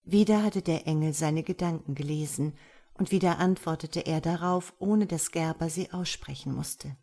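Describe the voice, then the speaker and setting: A woman with a low voice reads a novel aloud in measured, steady audiobook narration. Her delivery stays even and calm.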